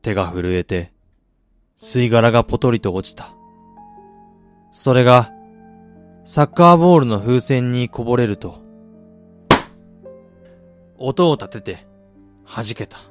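An actor in a radio drama plays a weary, middle-aged failed businessman, narrating his regretful past in a measured, reflective way. His mid-range voice is animated yet lightly acted, the mood somber and reflective, with music behind him.

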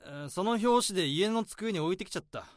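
With a high-sitting voice and lively intonation, an actor performs a narrated radio drama as an overworked, anxious office worker concealing a secret, shifting from flustered dialogue to tense first-person monologue. He speaks fairly quickly, and the studio sound is clean with no room noise.

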